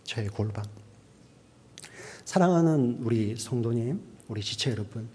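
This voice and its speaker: A male pastor delivering a sermon, often checking in with the congregation and moving between a raised voice and a hushed near-whisper. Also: medium pitch, animated, measured pace, breathy edge. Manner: preaching with frequent "yes" and "right?" asides to the congregation.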